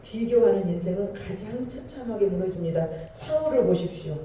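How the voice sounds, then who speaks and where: 울림 큰 예배당의 남자 설교자, 어두운 음색. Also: male voice, sits high, expressive, a little fast, dark tone, a little hiss or hum. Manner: emphatic preaching with rhetorical questions. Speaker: pastor. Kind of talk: sermon. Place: church sanctuary. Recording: echoey hall from far off.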